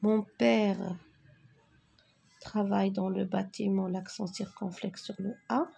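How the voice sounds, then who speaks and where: A woman teacher going slowly through a spelling exercise, dictating words and naming each accent mark. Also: mid-range voice, steady tone, gravelly, dark tone, breathy edge. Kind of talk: worksheet correction lesson.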